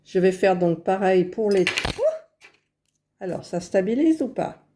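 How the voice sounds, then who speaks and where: A woman talking her way through a crafting tutorial, unhurried and thinking aloud as she works, correcting herself as she goes, close to her phone. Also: medium pitch, mellow. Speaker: crafting vlogger. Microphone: phone held very close to the face.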